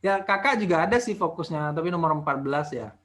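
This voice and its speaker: A man's voice: on the high side, quick pace, a bit bright. A man giving a talent-mapping feedback session, talking in a chatty, explanatory way with many fillers.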